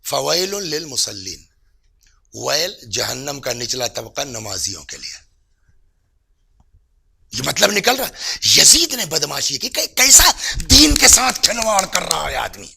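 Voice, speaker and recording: A male religious scholar giving a mourning-assembly sermon. He swings between loud, high exclamations and hushed, whispered passages and keeps asking the audience questions. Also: big pitch swings, creaky, a little hiss or hum.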